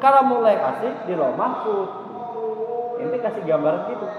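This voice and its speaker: A man teaching a religious study lecture, lively, often checking with his listeners whether they follow. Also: sits high, moderate pace, a loud crowd. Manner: lively, asks the audience "paham?" often, talks with them. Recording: echoey hall, dull muffled sound, noisy.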